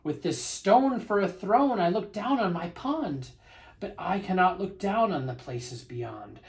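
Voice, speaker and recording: Storybook turtle king, played by a male reader: pompous, bellowing tyrant, boastful and unhurried in delivery. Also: high voice, animated, creaky, pitched above the performer's own voice, exaggerated voice. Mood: grumbling, ambitious.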